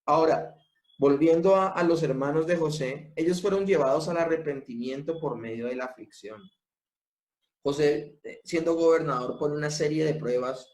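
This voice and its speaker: A man's voice: a little high, darkish tone. A man giving an earnest theology lecture, emphatic, repeating phrases and restarting as he explains. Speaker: Bible teacher.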